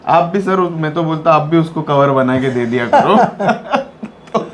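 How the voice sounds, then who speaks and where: A man with a fairly high voice hosts a casual gossip chat. He jokes mockingly and reads out viewer comments, with faint ambient noise in the background. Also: lively intonation, takes it slowly. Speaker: gossip show host.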